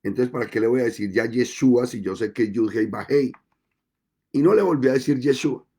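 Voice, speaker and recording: A man preaching a sermon as pastor, speaking deliberately with measured pauses between phrases. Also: mid-range voice, mellow.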